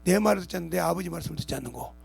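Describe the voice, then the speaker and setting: A man's voice: a little high, expressive, very fast, gravelly, slightly rough. A man preaching a sermon as pastor of his church, emphatic, acting out imagined speakers and asking the congregation rhetorical questions. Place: church sanctuary.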